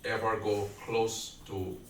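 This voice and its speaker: Guyanese male preacher, slow and deliberate, tense bright tone, far-off mic in a roomy space. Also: lowish voice, flat delivery, slight background noise. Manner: slow storytelling with questions to the audience. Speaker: satsang speaker. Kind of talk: devotional sermon. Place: indoor family prayer gathering. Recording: echoey room, distant mic, faint background.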